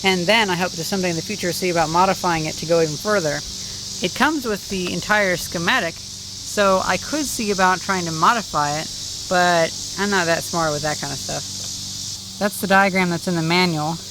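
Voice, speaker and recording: Out in the rural countryside, a male vlogger narrates his hobby in a casual, tentative, self-deprecating way. His voice sits high and moves at a moderate pace, captured in a noisy outdoor field recording.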